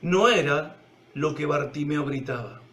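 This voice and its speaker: Argentine-sounding guy preaching, high voice, goes from loud to hushed. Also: unhurried. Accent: Rioplatense Spanish. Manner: emphatic, swings from loud cries to hushed low tones. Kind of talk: sermon.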